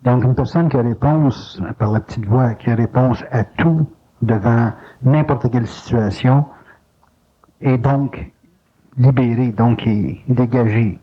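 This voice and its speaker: A man's voice: mid-range voice, a little slow, slightly rough. A male interviewer, asking short probing questions and rephrasing the answers. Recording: lo-fi digitized cassette tape.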